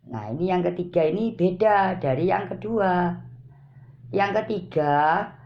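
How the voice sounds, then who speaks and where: A woman giving parenting advice in a calm, repetitive way, speaking directly to her viewers. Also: on the low side, unhurried. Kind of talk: informal advice talk to parents. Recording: dull lo-fi recording.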